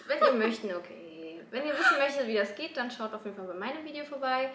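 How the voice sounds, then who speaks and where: A woman's voice: a little high, expressive, fast, heavy background noise. A woman, chatting casually and explaining things in a loose, slangy, searching way. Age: 20s. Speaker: YouTuber guest. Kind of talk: casual chat. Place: small room at a dining table. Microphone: camera a few feet away. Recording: echoey room, camera at a distance.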